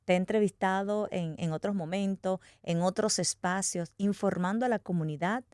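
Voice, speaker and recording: A woman's voice: mid-range voice, normal speed, darkish tone, no room sound, clean studio sound. A woman hosting an interview, asking encouraging questions and affirming her guest's answers. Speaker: interviewer host.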